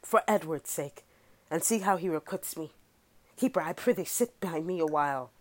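A woman's voice: sits low, normal speed, lightly acted, rough recording. A woman playing a frightened, guilt-ridden male duke in prison, speaking in classical stage verse. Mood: haunted. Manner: fearful, pleading classical verse.

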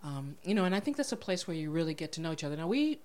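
Woman, interview host, low voice, chatty, lots of fillers, laughs easily. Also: sing-song, racing, a little mellow. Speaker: podcast host. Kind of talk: casual interview.

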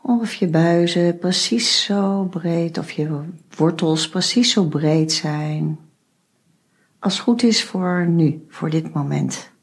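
A woman guiding a meditation, giving slow, soft instructions with long pauses. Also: fairly low pitch, slightly rough. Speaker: meditation guide. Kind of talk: guided meditation.

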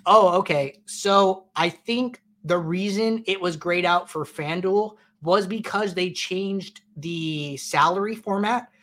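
A man's voice: high voice, slow, few pauses, a bit bright. A man hosting a live-stream Q&A, answering viewer questions in a loose, chatty way with plenty of fillers and restarts. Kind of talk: casual live-stream Q&A explanation.

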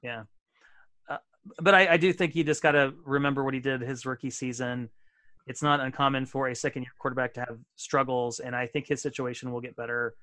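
A male podcast co-host talks sports in a casual, self-deprecating way and often trips over his sentence starts. His voice is bright and forceful, at a middling pitch for a man. The sound is dry and close, with no room around it. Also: fairly even intonation, fairly quick, no echo.

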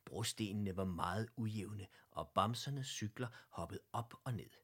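Danish guy reading a kids' bedtime story, lowish voice, kinda husky. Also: a bit bright. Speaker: narrator.

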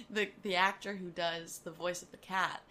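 Woman, 20s, podcast co-host. Bright, forward tone; casual, self-mocking banter. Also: on the low side, fairly even intonation, measured pace. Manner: chatty, trips over words and laughs at herself. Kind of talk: casual chat.

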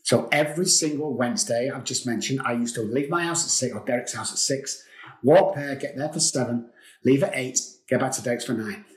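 A middle-aged man, a podcast guest, telling a story in an excitable way, swearing casually. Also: mid-range voice, brisk. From England. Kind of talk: animated storytelling. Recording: roomy echo.

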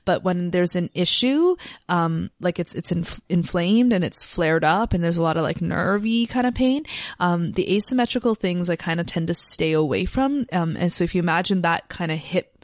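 A woman's voice: on the low side, moderate pace, no echo, studio quality. A woman co-hosting a yoga podcast, explaining postures in a casual chat and thinking aloud with restarts.

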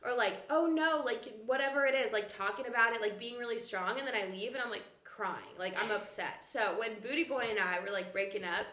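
A young woman co-hosting a casual podcast, telling stories in an animated way with lots of "like.". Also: fairly high pitch, a little fast, hardly any pauses, a little hiss or hum. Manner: animated storytelling, heavy "like" filler. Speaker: podcast co-host. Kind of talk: casual chat. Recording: echoey room.

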